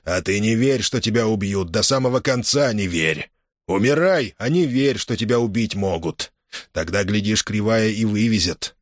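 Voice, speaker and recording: A man voicing a defiant captured Cossack who talks in a rough, folksy way. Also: lowish voice, lively intonation, normal speed, no room sound, studio quality, close to an everyday voice. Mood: urging.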